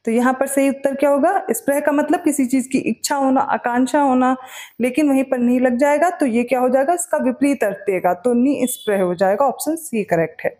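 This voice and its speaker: Woman, high-pitched, teacher, brisk exam answer walkthrough, asks questions then answers them. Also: warm tone.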